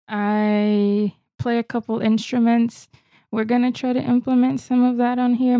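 A woman's voice: mid-range voice, vocal fry, warm tone, dry recording, clean studio sound. A woman from Florida with an American accent, chatting casually as a podcast co-host. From Florida, United States. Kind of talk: casual chat, self-introduction.

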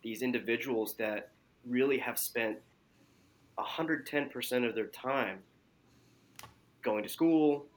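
A man working as a physician, giving measured, explanatory answers as an interview guest. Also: medium pitch. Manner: measured, explanatory, frequent fillers.

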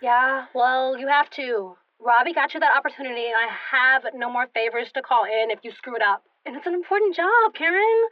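A woman's voice: high-pitched, animated, brisk, hardly any pauses, dry recording. A woman playing an exasperated, responsible roommate in an audio drama, scolding and earnest over a phone call. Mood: exasperated, pleading. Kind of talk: naturalistic audio drama dialogue. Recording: dull phone-call sound.

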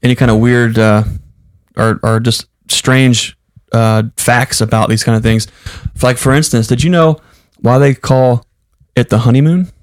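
A man co-hosting a casual podcast, talking in a halting way with many fillers and restarts. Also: medium pitch, steady tone, dry recording, clean studio sound. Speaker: podcast co-host. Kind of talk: casual chat.

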